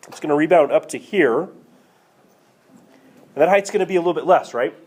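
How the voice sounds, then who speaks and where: A man with a fairly high, brisk, slightly mellow and husky voice teaches a math class, guiding students through a problem, asking questions and checking in with them. He coughs now and then and sounds a bit hoarse. It's a classroom lecture screencast captured on a tablet mic.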